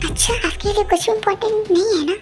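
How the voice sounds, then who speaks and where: A woman's voice: very high-pitched, quick pace. A woman voicing an angry, jealous young woman who accuses her partner of abandoning her. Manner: accusing, sulky, fiery. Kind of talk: fan audio drama acting. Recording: music playing behind.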